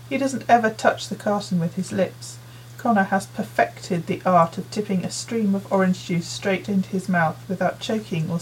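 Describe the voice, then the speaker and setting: A woman narrates a novel in first person with a measured, storytelling delivery. Her pitch sits in an ordinary middle range. This is a steady audiobook reading. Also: a little hiss or hum, poor audio.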